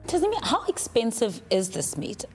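A woman's voice: a little high, very animated, moderate pace, over music. A woman reporter presenting on location in a kitchen, bubbly and enthusiastic.

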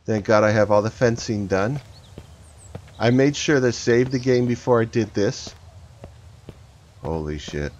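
Gaming host, male, lowish voice, excitable running commentary, slightly dull recording with faint hiss. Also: unhurried, long pauses. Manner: excitable, talks to viewers while playing. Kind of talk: casual gameplay commentary.

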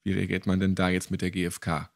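Low-voiced male podcast host, dry humor. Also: completely flat delivery, fast talker, creaky. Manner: thoughtful, raises critical points with dry humor. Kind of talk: podcast interview.

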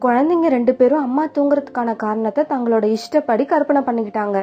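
A woman's voice: a little high, fast. Woman narrating a sad cartoon story. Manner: sorrowful, steady telling. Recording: dull lo-fi with faint music.

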